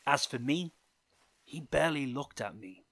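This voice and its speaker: A man reading a first-person story aloud as scripted narration, with an expressive delivery. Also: medium pitch, a little slow, gravelly, no room sound.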